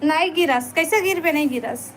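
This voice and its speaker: High-voiced Chhattisgarhi woman live-streaming. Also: normal speed, noisy background. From Chhattisgarh, India. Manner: pleading, coaxing viewers to stay and like. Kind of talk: casual live-stream chat with viewers.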